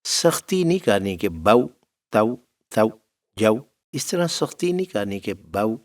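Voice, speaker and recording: A middle-aged man teaching Quran recitation who speaks patiently, calls his students "my child" and draws out syllables slowly to demonstrate them. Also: on the low side, very animated. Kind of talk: tajweed lesson.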